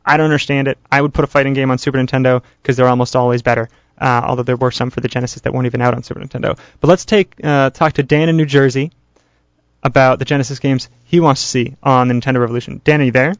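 A man with a smooth radio host delivery runs a call-in show, chatting quickly and steering from caller to caller. His voice is dry and close, with no room around it. The sound is dull and lo-fi, like an old broadcast. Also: mid-range voice, fairly even intonation, no echo. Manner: chatty and fast, keeps the talk moving between callers.

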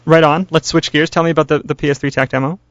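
A man hosting a call-in radio show in a smooth radio host manner, chatty and keeping the talk moving between callers. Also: fairly high pitch, level tone, fast, a bit bright, dry recording. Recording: dry, dull lo-fi radio broadcast.

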